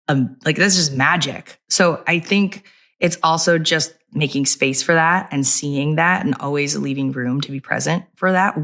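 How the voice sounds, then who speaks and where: A woman's voice: lowish voice, fairly bright tone. A woman, hosting a heartfelt conversational chat, reflective and full of casual fillers. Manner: reflective, uses many fillers like "like" and "you know". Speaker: podcast host and company founder.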